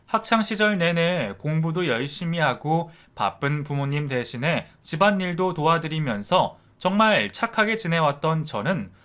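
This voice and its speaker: A man narrating a first-person life story in a calm, steady, scripted manner. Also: fairly high pitch, moderate pace, hardly any pauses.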